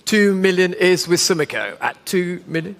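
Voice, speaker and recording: High-pitched male auctioneer in a reverberant hall. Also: expressive, moderate pace, a bit bright. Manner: repeats figures, coaxing bidders with polite patter. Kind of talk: live auctioneer calling bids. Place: large indoor auction saleroom.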